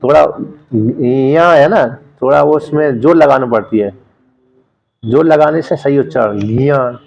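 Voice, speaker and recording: A man lecturing on a Sanskrit text, explaining terms and repeating words slowly to drill their pronunciation. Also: medium pitch, gravelly, darkish tone, muffled recording. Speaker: Sanskrit scripture teacher.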